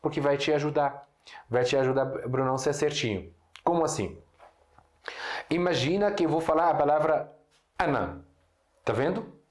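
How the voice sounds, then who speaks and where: His voice fairly high and his pace moderate, a young Syrian man leaves long pauses as he teaches Portuguese online with an Arabic accent, Arabic being his native language. He explains things patiently, asks rhetorical questions of himself and keeps correcting himself, all recorded in an echoey room.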